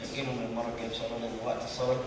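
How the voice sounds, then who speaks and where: A man with an Egyptian Arabic accent teaching a grammar lesson to a class, often pausing on a question for students to fill in the answer. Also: medium pitch, completely flat delivery, background noise. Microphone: distant room mic. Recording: echoey hall from far off.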